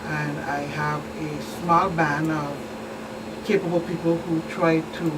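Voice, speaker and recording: A middle-aged woman with a Virgin Islands Caribbean accent explains things as a police expert guest in a talk show interview. Her voice is low-pitched with little pitch movement and a measured pace, recorded on a distant mic against a clearly noisy background.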